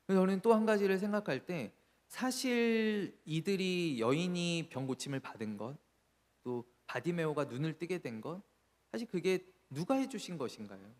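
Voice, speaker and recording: A man preaching a sermon as a pastor, telling stories in an animated way and acting out the voices he quotes. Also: high voice, moderate pace. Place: church sanctuary. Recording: church hall reverb.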